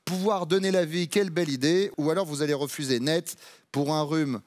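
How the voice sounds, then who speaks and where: A man hosting a game show, teasing the contestants with quick jokes in a studio. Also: a little high, fairly even intonation, a little hiss or hum. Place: TV studio with audience. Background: studio audience laughter.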